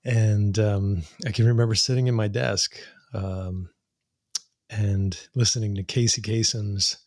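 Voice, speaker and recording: A middle-aged man, a singer-songwriter guest on a podcast, telling his story with animated delivery, frequent laughs and imitated sounds. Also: lowish voice, measured pace, no room sound, studio quality.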